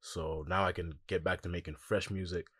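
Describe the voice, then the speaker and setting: Reflective young man with a deep voice. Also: a little fast, husky, no room sound, studio quality. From Congo. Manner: relaxed, reflective, lots of "like" and "um". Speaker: musician guest. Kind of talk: casual interview.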